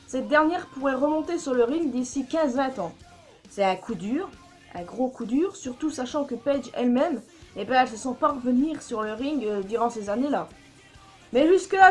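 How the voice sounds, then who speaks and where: Woman, high voice, blunt casual vlogger giving her opinions, light swearing, faint music under. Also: darkish tone. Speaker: YouTuber. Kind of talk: casual news commentary vlog.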